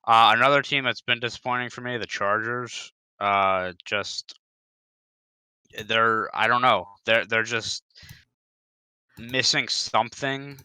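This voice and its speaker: A man's voice: mid-range voice, slow pace, pushed and bright, smooth, no room sound. A young man hosting a live podcast, chatting casually about football with many hesitations and restarts. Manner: rambling, hesitant, stops and restarts. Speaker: podcast host. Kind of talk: casual sports chat. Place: home, live online podcast.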